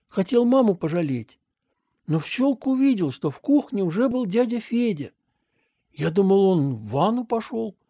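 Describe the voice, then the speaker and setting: A woman's voice: mid-range voice, no room sound, studio quality. Woman reading a story aloud. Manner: expressive reading with acted voices. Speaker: narrator. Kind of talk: storytelling narration.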